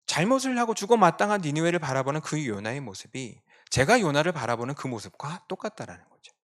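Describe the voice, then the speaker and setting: A male pastor delivering a Sunday sermon in church. He swings between quiet, reflective asides and sudden emphatic outbursts. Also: fairly high pitch, very animated, fast talker.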